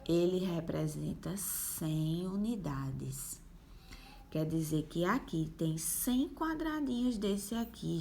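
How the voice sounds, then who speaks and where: A woman's voice: fairly low pitch, creaky, slight background noise. A woman teaching young children, explaining a worksheet patiently step by step and sounding out syllables. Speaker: primary school teacher.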